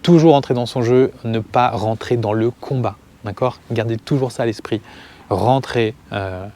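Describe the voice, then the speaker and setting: A man telling a personal story to camera in a casual way, stopping calmly to give viewers advice. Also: medium pitch, normal speed, slight background noise. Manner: calm, advice-giving aside to viewers. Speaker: family and parenting vlogger.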